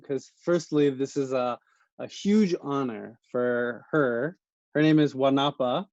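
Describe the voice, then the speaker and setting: An American man co-hosts a casual podcast, steering the chat with questions in a slightly high, darkish voice. The sound is dull and dry, with no room sound.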